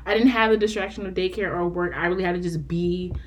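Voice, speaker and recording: A young woman and mother co-hosting a casual podcast, telling stories and quoting herself in bright, raised tones. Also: on the low side, steady tone, fast, a little hiss or hum. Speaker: podcast co-host. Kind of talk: casual chat.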